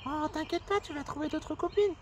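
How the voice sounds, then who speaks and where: Sweet talking flower done by a woman, gentle, reassuring, kids story. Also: sits high, brisk, slight background noise, lightly acted. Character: kind friendly female flower.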